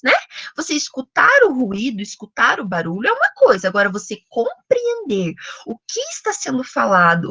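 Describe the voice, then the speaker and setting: Lively, bright-voiced Brazilian woman lecturing. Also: high-pitched, husky, no room sound. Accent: Brazilian Portuguese. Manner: explanatory, animated, acts out parents' and children's lines. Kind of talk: lecture on child language development.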